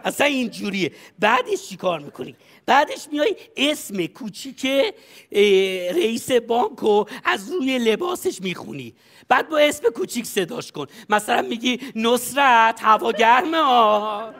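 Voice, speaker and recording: A man's voice: extremely high pitch, sing-song, fairly bright tone. A man in a comedy sketch, bossily coaching someone with brash advice and frequent laughter. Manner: brash, bossy, laughs often while coaching. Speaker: comic advisor in a sketch. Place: studio stage.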